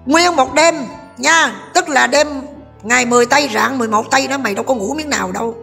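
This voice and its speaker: A woman's voice: high-pitched, quick pace, creaky, a bit bright, soft background music. A woman with a Southern Vietnamese accent, a vlogger giving gossip commentary, scolding and speaking straight to her viewers. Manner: scolding, addresses viewers directly.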